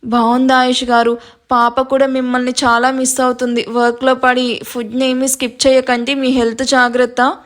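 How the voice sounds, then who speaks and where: A woman's voice: sits high, level tone, moderate pace, natural voice. A woman reading the lines of a tender young wife, tearful and recovering from surgery, in a storybook. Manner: tender, pleading.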